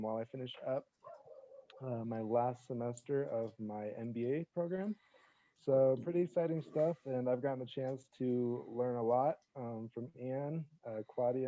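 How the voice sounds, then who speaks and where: A man's voice: mid-range voice, mellow, dry recording, muffled recording. A young adult man chatting casually as a podcast guest, informal and enthusiastic in his wording. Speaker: guest, graduate assistant. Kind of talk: casual chat.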